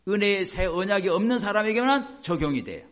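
A man's voice: high voice, expressive, brisk, fairly bright tone. A man preaching a sermon as a pastor, explaining by asking the congregation questions and acting out quoted voices.

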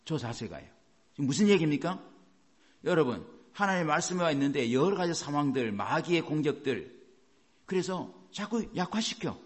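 A man's voice: fairly high pitch, big pitch swings, moderate pace. A man pastor preaching a sermon, emphatic and asking the congregation rhetorical questions.

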